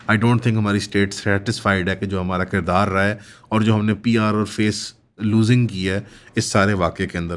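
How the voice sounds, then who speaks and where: A political analyst with a Pakistani accent and a lowish voice offers commentary in long, winding sentences, mixing in English terms.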